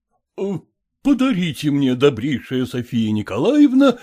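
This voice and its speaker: A man's voice: on the high side, wildly swooping pitch, dark tone, exaggerated voice. A man doing a pompous, stiff suitor. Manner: slow, pompous, clears throat, hesitant. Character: pompous, stiff middle-aged male suitor.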